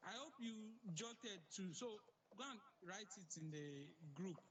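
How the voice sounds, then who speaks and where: A man's voice: sits high, animated, a little slow, fairly bright tone, low-quality recording. A man hosting an online class on a video call, coaxing his students to respond and closing the session. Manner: coaxing, urges audience to respond. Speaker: class host.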